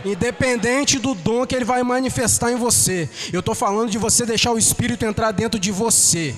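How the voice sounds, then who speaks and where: Impassioned high-voiced Brazilian preacher. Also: male voice, fairly quick, faint music behind. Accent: Brazilian Portuguese. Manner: impassioned testimony, rising to shouts. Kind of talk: sermon. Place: church.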